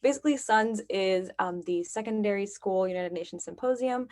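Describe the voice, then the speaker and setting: Young woman from Lebanon, a student. Upbeat and chatty, mid-pitched, speaking over a video call. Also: normal speed, a little mellow. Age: young adult. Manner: chatty and upbeat, many fillers. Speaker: university student. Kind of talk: casual talk on a video call.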